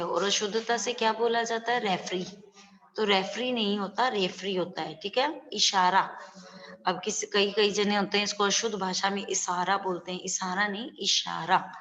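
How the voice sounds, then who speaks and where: A woman teacher giving an online class, explaining word meanings slowly and often asking the class questions before she answers them. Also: mid-range voice, a bit bright. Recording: dull audio with long reverb.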